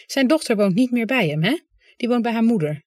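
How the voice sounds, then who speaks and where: An audiobook reader voicing a clingy, fussy middle-aged mother who speaks softly with pointed remarks. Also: mid-range voice, animated, fairly quick, no room sound, clean studio sound, voice pushed up, close to an everyday voice. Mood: probing.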